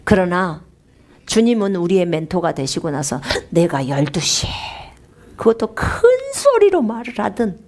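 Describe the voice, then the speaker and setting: Animated Korean woman preaching a sermon. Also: on the low side, normal speed. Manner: animated storytelling, addresses congregation often.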